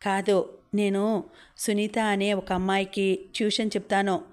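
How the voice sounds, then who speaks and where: A woman reading the lines of a calm, kindly young man who patiently gives advice. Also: medium pitch, unhurried, clear, resonant tone, close to an everyday voice. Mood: reassuring. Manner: steady, patient, reassuring.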